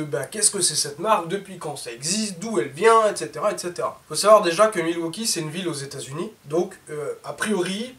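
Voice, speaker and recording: With a voice that sits high and sounds a bit bright, a man in his thirties informally unboxes new tools for his viewers, calling them "les gars." His cluttered home workshop sounds roomy and echoey through a distant camera mic, with faint noise.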